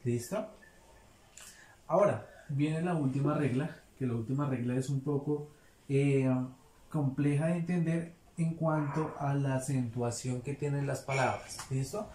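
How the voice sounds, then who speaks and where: A man's voice: medium pitch, steady tone, measured pace, mellow. A man teaching an English grammar lesson, explaining patiently and often checking that his students are following. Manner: patient, repeats "¿listo?" to check understanding. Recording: echoey room with faint noise.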